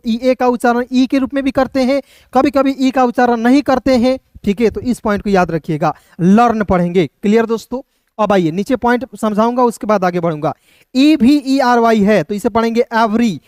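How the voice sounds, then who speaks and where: Guy teaching english reading, slow spelling out each letter, dry room. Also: very high-pitched, darkish tone, no room sound. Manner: slow, spells words letter by letter, asks "clear?". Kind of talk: reading lesson taught in Hindi.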